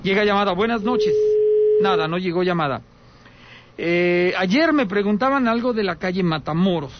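Guy on the radio spinning a spooky tale, kinda high voice, dull lo-fi sound. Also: normal speed, heavy background noise. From Aguascalientes, Mexico. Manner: dramatic storyteller, repeats key points, speaks to listeners directly. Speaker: radio host taking calls. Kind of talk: telling a paranormal story on radio.

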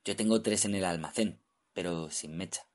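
A man's voice: sits low, moderate pace, natural voice. A man voicing a hesitant, wheedling male trader who coaxes and persuades. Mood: persuasive.

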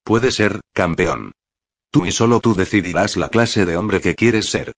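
A man's voice: deep voice, measured pace, dry recording. A man reading as a weary, teasing bearded father. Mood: tender. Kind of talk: audiobook reading.

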